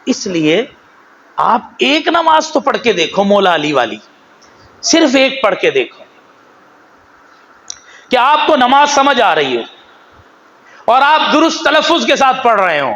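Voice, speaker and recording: A man with a Pakistani Urdu accent preaching a sermon, animated, moving between low storytelling and raised exhortation, and slowly drawing out Arabic phrases. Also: a little hiss or hum, rough recording. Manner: slow, drawn-out recitation of Arabic phrases.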